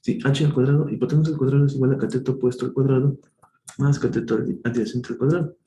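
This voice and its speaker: His mid-range voice is dark in tone, with little pitch movement, as this man tutors math live online, stepping through problems and fixing his own slips. He thinks out loud and stays slow and patient. Faint noise and echo fill the room.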